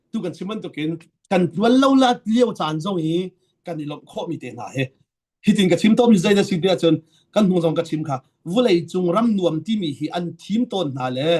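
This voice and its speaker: A man's voice: high voice, a little mellow. A man, a pastor, giving an earnest sermon-style talk.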